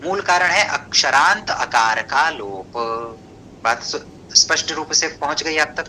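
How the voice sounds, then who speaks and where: A man's voice: fairly high pitch, animated, unhurried, pushed and bright, slight background noise, low-quality recording. A man teaching a class, lecturing and asking questions that he answers himself, with English terms mixed in. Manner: mixes English terms into Hindi.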